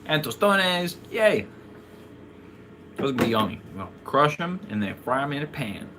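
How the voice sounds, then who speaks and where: A man in casual chat as host of a home stream, rambling from one thought to the next with a joking edge. His voice sits at an everyday middle pitch, with steady hiss under the recording. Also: very fast. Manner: rambling, jokey.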